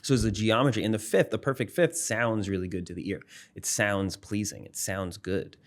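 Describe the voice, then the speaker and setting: A man with a very low voice talks through ideas as a guest in a casual interview. He is thoughtful and circles back on himself, full of fillers and restarts. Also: moderate pace. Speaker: psychology professor and musician, interview guest. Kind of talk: casual explanatory interview talk.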